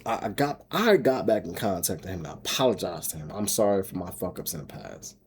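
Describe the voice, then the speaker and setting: A middle-aged man vents to the camera in a long, rambling monologue, cursing freely and stumbling over repeated words. His voice sits low with a dark, mellow tone. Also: a little hiss or hum. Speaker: homestead vlogger and single dad. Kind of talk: emotional venting monologue.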